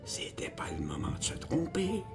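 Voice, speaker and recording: A man narrating a literary audiobook in an expressive, slangy first-person voice. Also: on the high side, moderate pace, in a whisper. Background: music.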